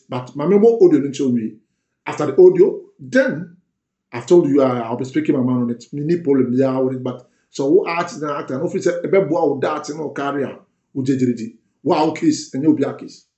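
A man with a Ghanaian accent giving political commentary as an online show host, mixing English and Twi with emphatic delivery. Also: on the high side. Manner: switches between English and Twi, animated and emphatic. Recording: roomy echo.

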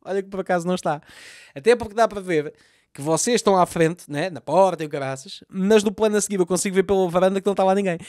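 Lisbon-accented man, high voice, rapid-fire crude sarcastic recap, dry close mic. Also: dry recording. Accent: European Portuguese, Lisbon. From Portugal. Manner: animated, crude, sarcastic, acts out the characters. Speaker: comedian recapping a TV series. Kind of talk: comic commentary.

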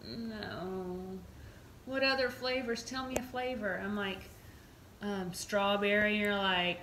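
A woman telling a funny story in a casual chat, acting out the lines of others with lively mimicry. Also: takes it slowly, echoey room, low-quality recording. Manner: animated, mimics others in a higher voice. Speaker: storyteller recounting events.

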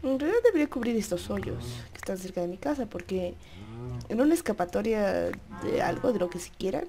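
Chatty gamer woman, gravelly voice. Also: medium pitch, big pitch swings, brisk. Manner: chatty, coaxes animals playfully. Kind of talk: casual gameplay commentary. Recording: noisy home recording.

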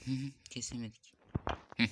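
A man's voice: mid-range voice, flat delivery, moderate pace, background noise. A young man playing a mobile cooking game, muttering to himself, reading recipe steps aloud and getting frustrated with the game. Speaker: gameplay streamer. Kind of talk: casual gameplay commentary.

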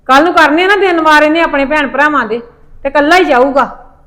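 A middle-aged woman with a high voice rants and scolds at length, complaining bitterly in a family drama. Her voice stays bright and high throughout the tirade. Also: quick pace. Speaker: mother-in-law in a family drama. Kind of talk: Punjabi family drama acting.

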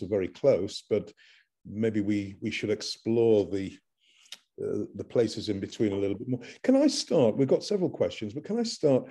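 Low, mellow-voiced moderator man. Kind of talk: webinar moderation. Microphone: computer mic on video call.

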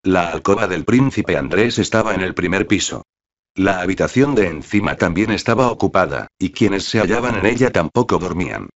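A man narrating a classic novel as an audiobook, reading in a measured, steady way. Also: low-pitched. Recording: dull lo-fi recording.

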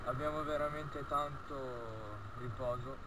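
A man's voice: medium pitch, takes it slowly. A teenage boy chatting casually inside a motorcycle helmet as he rides, recorded on an action camera's own microphone. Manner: talking inside a motorcycle helmet while riding. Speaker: motovlogger. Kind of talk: casual chat while riding. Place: outdoors on a moped in town traffic. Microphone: action camera's built-in microphone, no external mic. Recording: loud engine and wind noise, poor camera microphone.

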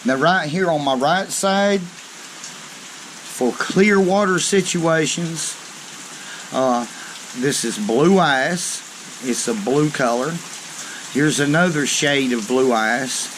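On a rainy day in a garage or covered outdoor porch, a man who hosts a fishing channel demonstrates tackle at a table, speaking slowly in a homey, folksy style with frequent "okay"s. His voice is on the high side and a bit bright, and the poor audio has slight background noise.

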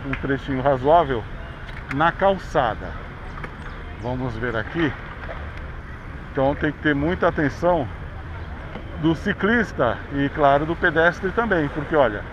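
Brazilian man, slightly high voice, chatty tour-guide narration, dull handlebar-cam audio with street traffic noise. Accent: Brazilian Portuguese. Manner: chatty tour-guide commentary, pointing things out. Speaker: vlogger. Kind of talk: narrated bike ride. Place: outdoors on a city bike path. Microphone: action camera on handlebars.

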